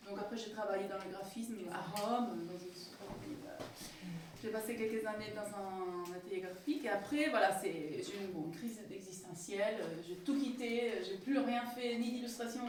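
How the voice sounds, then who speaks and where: An Italian woman with an Italian accent gives a hesitant, casual talk as an author-illustrator, full of fillers and restarts, before an audience in a community hall. Her voice is medium-pitched, with a noisy background, recorded from far off in an echoey hall.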